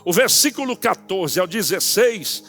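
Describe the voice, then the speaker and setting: High, lively Brazilian preacher man. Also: unhurried, soft background music. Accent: Brazilian Portuguese. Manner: impassioned preaching that builds to shouted peaks; addresses listeners directly. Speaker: pastor. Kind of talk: sermon. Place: church.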